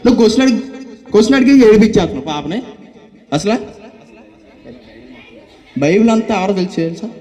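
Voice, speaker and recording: A man acting as a bossy, pompous village president who rattles off his words at a quick clip in a very high voice. He chuckles through his bluster. The sound is roomy, with a faint crowd behind. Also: lively intonation, mellow. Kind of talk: church skit acting.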